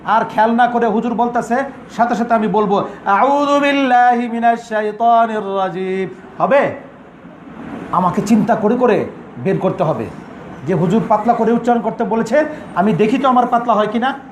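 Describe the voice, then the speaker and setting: A man's voice: high-pitched, normal speed, pauses often. A man teaching a Quran pronunciation class, drilling syllables over and over and asking whether the students follow. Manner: drills sounds, repeats syllables, checks understanding. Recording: echoey room with crowd noise.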